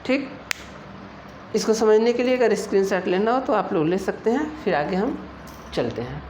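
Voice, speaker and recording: A woman teaching an exam-prep Hindi lesson, explaining slowly and patiently and asking her students questions as she goes. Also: mid-range voice, expressive, a little mellow. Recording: echoey room with faint noise.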